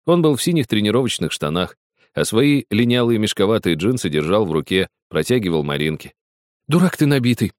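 Low-voiced man reading a story aloud. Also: animated, brisk, dry recording, clean studio sound. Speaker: narrator. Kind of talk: audiobook reading.

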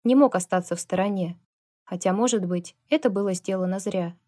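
A woman's voice: lowish voice, a little fast, warm tone, close to an everyday voice. A woman reading a storybook, voicing a big, protective older biker who barks and growls his words. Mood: gruff. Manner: gruff, barking.

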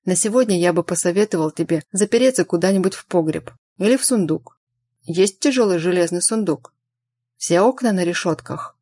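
A woman's voice: on the low side, a little fast, mellow, husky, dry recording. A woman doing a grim, curt hunter. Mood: commanding. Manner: clipped, commanding questions. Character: grim wary male hunter, low and curt.

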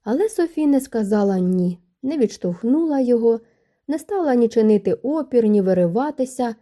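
A woman narrating a romance novel audiobook in a calm, measured reading. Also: a little high.

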